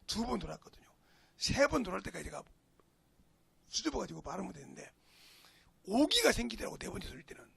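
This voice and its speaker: A middle-aged male pastor preaching a sermon in a church, telling a personal story in a folksy way and swinging between shouts and hushed whispers. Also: sits high, wildly swooping pitch, fast, gravelly, long pauses, breathy edge, no echo. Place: church sanctuary.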